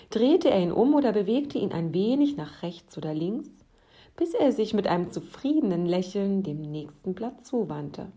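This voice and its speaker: A woman reading a story aloud in a soft, calm voice that often sinks to a whisper. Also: on the low side.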